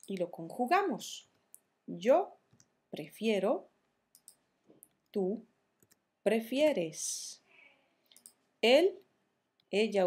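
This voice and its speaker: A woman teaching verb conjugations in a slow, careful tutorial, spelling out each form deliberately. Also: mid-range voice, darkish tone, breathy edge. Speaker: Spanish teacher.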